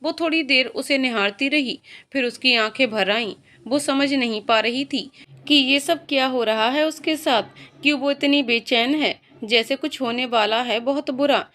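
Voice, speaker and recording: A woman's voice: sits high, moderate pace, bright, forceful tone. A woman reading an emotional story aloud as narrator, voicing every character in her own voice.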